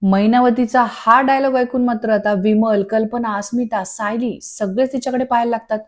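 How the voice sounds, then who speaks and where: A woman narrating a TV serial episode recap in lively storytelling. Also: fairly high pitch, normal speed. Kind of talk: scripted narration.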